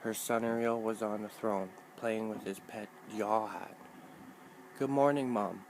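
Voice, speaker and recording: A man reading a fantasy book aloud in a measured, steady narration. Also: lowish voice, a little hiss or hum, rough recording. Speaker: reader. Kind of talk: audiobook narration.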